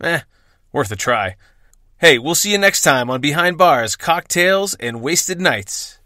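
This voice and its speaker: An American man hosts with brash, wry patter in a scripted sign-off style. His voice is bright and forceful, on the high side, and recorded very dry. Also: lively intonation, a little slow, dry recording. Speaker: bartender and podcast host. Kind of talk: scripted podcast intro and outro.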